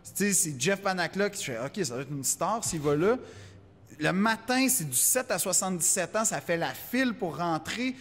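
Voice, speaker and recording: A man's voice: sits high, moderate pace, in a large hall. A man with a Québécois accent telling a stand-up story in casual chat, acting out the voices of the people in it. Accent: Québécois French. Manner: animated storyteller, acts out quotes.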